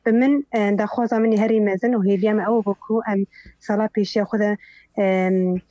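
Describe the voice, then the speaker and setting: Hesitant woman with a dark, muffled voice. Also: mid-range voice, fairly even intonation, no echo. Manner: hesitant, many fillers. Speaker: festival organizer, guest. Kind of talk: interview answers.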